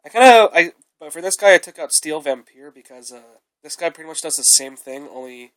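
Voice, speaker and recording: A young man with a cold, coughing, gives a rambling, casual review of his card deck in a fairly bright, expressive voice on the high side, talking briskly. He fills his speech with "though" and "uh," and the audio quality is poor.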